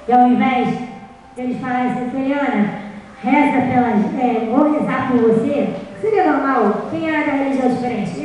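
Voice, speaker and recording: A woman giving a sermon testimony, telling her story lively and acting out the dialogue, recorded in a church. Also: fairly high pitch. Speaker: guest preacher. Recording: echoey church hall from far off.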